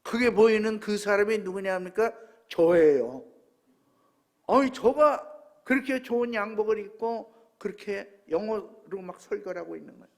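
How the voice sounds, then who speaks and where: A pastor in his seventies preaching a sermon, telling a personal story with emotion that swings from hushed tones to loud exclamations. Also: high-pitched, moderate pace, vocal fry. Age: 70s.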